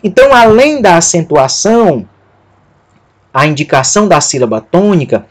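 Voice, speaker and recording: A man teaching a recorded lesson, spelling out letters one by one in a slow, methodical way. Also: on the high side, sing-song. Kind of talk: recorded lecture over written slides.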